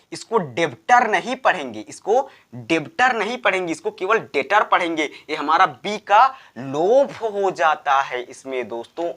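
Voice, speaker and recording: A fairly high-voiced man teaches pronunciation rules at an unhurried, deliberate pace. He spells words out letter by letter, repeats each point several times, and checks understanding with short questions. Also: fairly bright tone. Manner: slow, repetitive, drills spellings letter by letter; asks the class rhetorical check questions. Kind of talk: classroom-style lesson.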